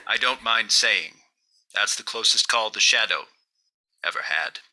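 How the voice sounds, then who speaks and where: An actor playing a commanding, mocking invisible avenger in 1930s radio drama style, stern, theatrical and deliberate. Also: male voice, fairly low pitch, close to an everyday voice, low-quality recording. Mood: relieved.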